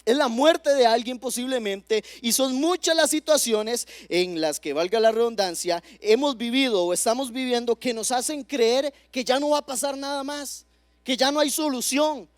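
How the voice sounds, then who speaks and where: Male preacher, very high voice, dry close sound, emphatic sermon delivery. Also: normal speed, no room sound. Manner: emphatic, rising to near-shouts and dropping low.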